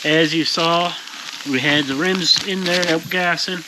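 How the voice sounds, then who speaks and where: Talking straight to camera in a casual shop vlog, this man hosts a powder coating workshop video with an informal, folksy style. His voice is on the high side, steady and unhurried, with background noise behind him.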